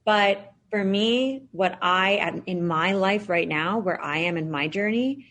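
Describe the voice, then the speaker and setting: With a mid-range, fairly bright voice and an unhurried pace, a woman in her thirties fields interview questions as a podcast guest. She's a founder, and her replies are earnest and reflective, full of fillers.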